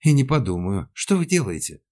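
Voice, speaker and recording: A man's voice: medium pitch, sing-song, a little fast, dark tone, voice pushed up. A man voicing Irina, a brash, impulsive woman passenger with a cheeky, whiny manner in an audiobook.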